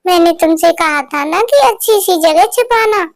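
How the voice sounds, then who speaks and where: A woman's voice: very high-pitched, moderate pace. A woman voicing a kindly, resourceful bird mother-in-law in a cartoon, soothing and reassuring. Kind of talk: cartoon voice acting.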